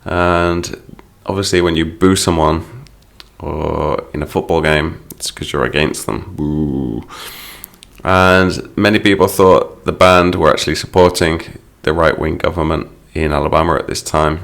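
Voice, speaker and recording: A man's voice: low voice, fairly even intonation, moderate pace, creaky, a bit bright. A man teaching English by explaining song lyrics line by line, in a patient, explanatory manner.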